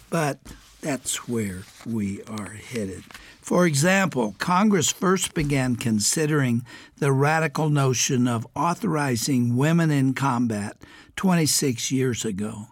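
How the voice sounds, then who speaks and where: An older American radio host reads a prepared letter aloud in a raspy, mid-range voice, his speech somewhat strained and unclear. He delivers it gravely and deliberately, stressing each item in his lists. The recording is dry and of studio quality.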